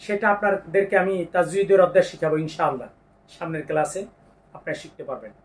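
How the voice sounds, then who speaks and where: A man teaching Quran pronunciation, patiently explaining each letter and drawing out the sounds slowly. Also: fairly high pitch, distant mic. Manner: slow drawn-out demonstrations of letter sounds, patient instructions. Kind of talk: step-by-step pronunciation lesson.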